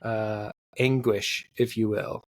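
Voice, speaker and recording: A man co-hosting a sports podcast, rambling in casual chat with lots of fillers and sudden pitch jumps. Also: level tone, slow, no room sound. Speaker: podcast co-host.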